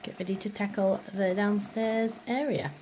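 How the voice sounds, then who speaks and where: At home, a British woman records a casual food diary vlog to camera, and her speech wanders hesitantly, often trailing off or repeating itself. She has a medium-pitched, slightly mellow voice with fairly even intonation and moderate pace, over noisy amateur audio.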